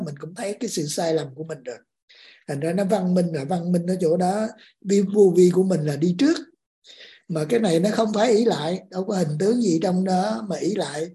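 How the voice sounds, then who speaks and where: A woman calmly explaining spiritual practice. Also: lowish voice. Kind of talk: religious discussion.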